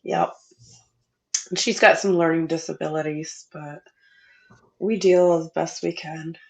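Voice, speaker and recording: A middle-aged woman talks casually in a squeaky, stuffed-up voice, as if through a sinus cold. Her pitch sits a little low for a woman, and she chats informally as a livestream guest. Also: steady tone, measured pace, a little mellow. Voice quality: squeaky, congested voice from a sinus infection. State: congested with a sinus infection. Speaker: livestream guest chatting with viewers. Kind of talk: casual chat.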